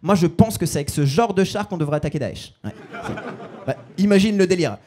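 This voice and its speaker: A man's voice: sits high, lively intonation, fairly quick, mellow, breathy edge. A man in his twenties performing a self-mocking stand-up set on stage, in a casual slangy way. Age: 20s. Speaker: stand-up comedian. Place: stage before a live audience.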